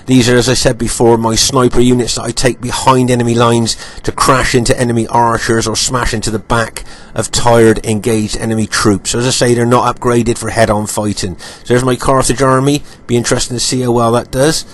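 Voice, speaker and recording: Narrating a strategy game replay at home, a game commentator sounds slightly croaky while recovering from illness. His mid-range voice keeps a level tone. He goes slowly, leans heavily on fillers like um and uh, and tends to restate points before continuing.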